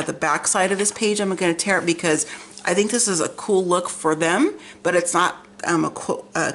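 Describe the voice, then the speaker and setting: A woman with a lowish voice chats through a magazine flip-through in a rambling, enthusiastic way. Her words come with slight effort, as though one side of her face is numb from the dentist. The camera mic picks up noticeable background noise. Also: fairly bright tone. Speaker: vlog host. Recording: clear background noise, room ambience.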